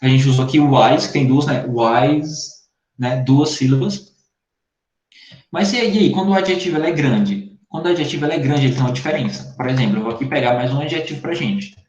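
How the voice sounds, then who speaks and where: Over a video call on a computer mic, a patient teacher runs an English class in Brazilian Portuguese, repeatedly checking on his students. He speaks fairly quickly at medium pitch with a slightly mellow tone, and the call audio is echoey, dull and lo-fi.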